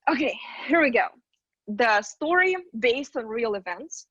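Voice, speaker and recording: A woman's voice: on the high side, lively intonation, a little slow, fairly bright tone, dry recording. A woman from Ukraine presenting as an investment banker in an online talk, upbeat and chatty with many fillers. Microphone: computer mic on a video call. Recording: dull, dry video call audio.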